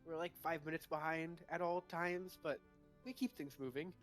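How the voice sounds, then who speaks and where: A man's voice: fairly high pitch, fairly even intonation, moderate pace, a bit bright, soft background music, lightly acted. A man voicing a timid, eager robot tavern server in a tabletop game, stammering and hesitant. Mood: hesitant, meek.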